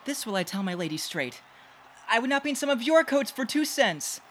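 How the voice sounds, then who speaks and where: A woman's voice: a little high, very animated, moderate pace, fairly bright tone, a little hiss or hum. A woman playing a mocking male jester. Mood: huffy. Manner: mocking, playful wordplay. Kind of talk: stage play performance.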